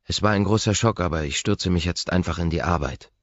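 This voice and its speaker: A man reading an audiobook, voicing a quiet, caring woman housekeeper in a polite, softly respectful manner. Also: sits low, brisk, dry recording. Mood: polite concern. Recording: slightly dull recording.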